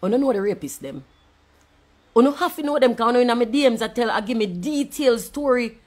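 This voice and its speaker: A woman's voice: a little high, expressive, fairly quick. Blunt, profane Jamaican woman ranting. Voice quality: blunt, profane, mixing patois and standard English. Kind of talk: angry ranting monologue.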